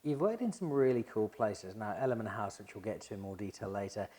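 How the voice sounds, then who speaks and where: A man's voice: lowish voice, expressive, a little fast, warm tone. A man hosting a wine show, presenting and interviewing in a chatty, joking way. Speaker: host.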